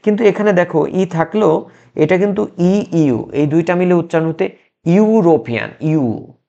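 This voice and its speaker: A man teaching English grammar in a recorded lesson, explaining slowly and patiently with frequent restarts and fillers. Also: sits high, gravelly, dark tone. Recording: muffled lo-fi sound.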